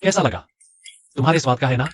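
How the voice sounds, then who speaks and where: Defiant young brother, a man voicing him, sharp and confrontational, drama dub. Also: mid-range voice, fast, husky, no room sound, lightly acted. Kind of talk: Hindi drama dubbing.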